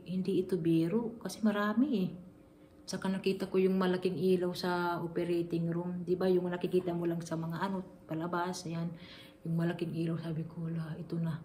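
Female vlogger from the Philippines, earnest and confiding, lowish even delivery. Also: a little hiss or hum. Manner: earnest, confiding, addresses viewers directly. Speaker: family vlogger. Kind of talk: casual personal storytelling to viewers.

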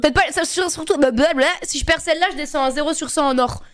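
A woman's voice: high voice, fast. A young woman streaming a game, chatting casually and laughing with friends. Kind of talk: casual gaming chat with friends.

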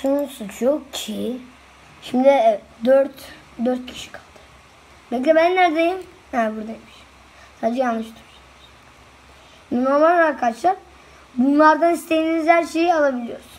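A woman giving casual, excitable commentary over a video game she is playing. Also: sits high, normal speed, pauses often. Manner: excitable, chatty, reacts out loud to the game. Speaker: gameplay video host.

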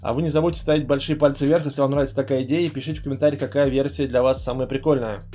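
A man's voice: medium pitch, steady tone, very fast, dark tone. A man giving casual, rambling gaming commentary as a channel host. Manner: informal, rambling.

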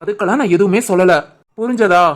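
A woman voicing a protective young village husband in an animated family drama, firm and commanding, with a southern Tamil Nadu village dialect. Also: mid-range voice, fast, pitched below the performer's own voice, close to an everyday voice.

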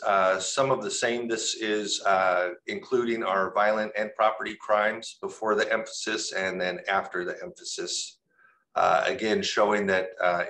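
A man, a police captain, walking a panel through crime data with many pauses and fillers. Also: deep voice, sharp tone.

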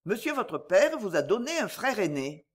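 A woman voicing a cool, calculating male agent in an audiobook, who sounds smooth and reassuring. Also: medium pitch, very animated, moderate pace. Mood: calm scheming. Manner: smooth, reassuring, coolly persuasive.

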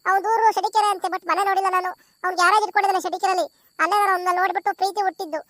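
A very high, bright, tearful young village woman, voiced by an actor in a cartoon comedy. She pleads in a fast rush of words. Her voice is thin and piercing. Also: fairly even intonation, dry recording, clean studio sound. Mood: hopeful.

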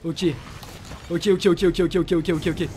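A young man giving excitable let's play commentary, swearing a lot and shouting at enemies. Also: fairly high pitch, measured pace, a little hiss or hum. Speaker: gaming channel host.

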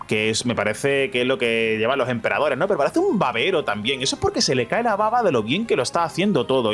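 A man's voice: mid-range voice, fairly bright tone. A young man with a Spanish accent from Spain, giving jokey, self-mocking commentary over a game playthrough and talking to his viewers. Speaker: gaming YouTuber.

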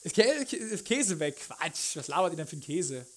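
A man's voice: on the high side, sing-song, normal speed, fairly bright tone. Young man streaming, slangy and jokey. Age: young adult. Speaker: live streamer, cooking show host. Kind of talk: casual livestream chat while cooking, answering chat. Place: home kitchen, indoors. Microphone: headset.

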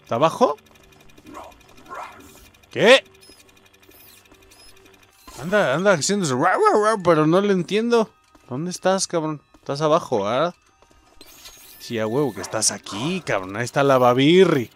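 Excitable Mexican gamer, lively high voice. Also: male voice, moderate pace, faint music behind. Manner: excitable, swearing, yelps and shouts. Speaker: gaming youtuber. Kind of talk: live gameplay commentary.

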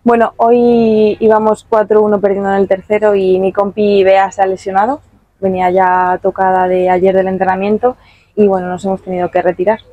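Calm young woman, dark steady voice. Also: mid-range voice, dry recording, highs cut off. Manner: calm, measured, many fillers. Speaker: padel player being interviewed. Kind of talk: post-match interview. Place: outdoors by a shop stand at a tournament.

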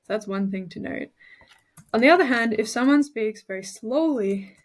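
Her fairly high, expressive voice moves at a normal speed as this Australian tutor lays out study tips. The lesson is clear and methodical, and she signals emphasis with her voice.

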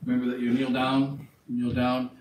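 A middle-aged man preaching a wedding sermon in a small chapel, declaiming and then dropping to quieter practical asides. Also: medium pitch, completely flat delivery, normal speed. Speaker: bishop. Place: small chapel at an altar, indoors. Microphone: far camera. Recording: echoey room from a distant camera, faint hiss.

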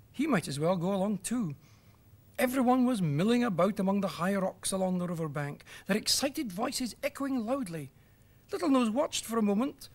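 Lively British man reading a children's story. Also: sits high.

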